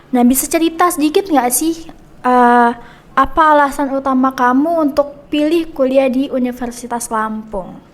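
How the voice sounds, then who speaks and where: Brief: young female podcast host, high voice, chatty, lots of little fillers. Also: moderate pace. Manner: chatty, friendly prompting with many hmm and nih fillers. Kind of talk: casual podcast interview.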